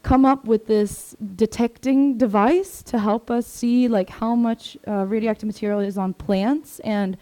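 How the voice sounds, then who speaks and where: A 360 camera in a classroom records this presenter, a Swedish woman in her 20s raised in Maryland, USA, as she gives students a casual, informal career talk full of fillers and asides. Her slightly high, mellow voice moves unhurriedly with fairly even intonation and hardly any pauses.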